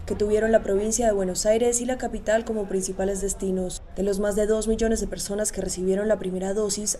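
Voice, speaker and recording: A woman reporter reading a scripted news voice-over in a steady, even way. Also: mid-range voice, slight background noise. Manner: steady, number-heavy reading.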